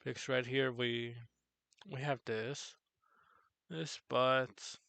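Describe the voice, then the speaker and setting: Slow, gravelly man, tired streamer. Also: level tone, fairly bright tone, dry recording. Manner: halting, self-correcting, low-energy. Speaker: streamer teaching 3D character software. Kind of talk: live tutorial stream.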